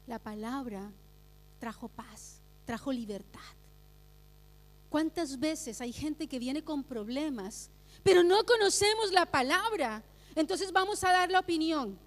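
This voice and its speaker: A woman pastor with a high voice preaches a Sunday sermon, mixing personal stories with teaching. She repeats key phrases for emphasis. Her voice carries a long reverb from the church hall. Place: church sanctuary.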